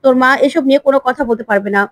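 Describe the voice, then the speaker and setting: A woman's voice: high voice, racing, dry recording, lightly acted. A woman voicing a curt angry father. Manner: curt, commanding.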